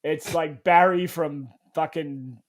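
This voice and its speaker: A man's voice: a little high, slow pace. A man hosting a casual podcast chat, joking and swearing freely. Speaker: podcast host.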